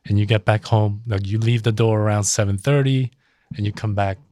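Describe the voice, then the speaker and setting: A man's voice: fairly low pitch, steady tone, brisk, mellow, dry recording, studio quality. A modest, slightly hesitant man from South Korea, a dentist guest chatting in an interview. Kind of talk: casual interview chat.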